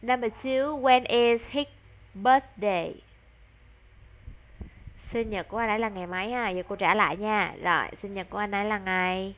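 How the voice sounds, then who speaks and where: A woman with a Vietnamese accent tutoring a child in English online, encouraging and slowing down to model English words clearly. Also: medium pitch, a bit bright.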